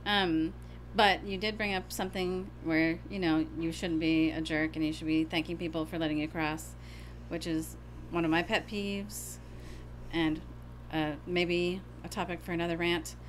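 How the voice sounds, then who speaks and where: A middle-aged woman co-hosting a podcast with her daughter, chatty and self-deprecating with quick asides. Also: fairly low pitch, little pitch movement, slight background noise, low-quality recording. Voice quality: hard of hearing. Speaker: co-host, mother. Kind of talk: casual podcast chat.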